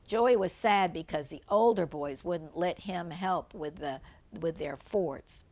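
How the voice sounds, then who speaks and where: A grandmotherly read-aloud of a children's picture book, broken up by simple comments on the illustrations. The older woman speaks slowly, in a lowish, slightly mellow voice.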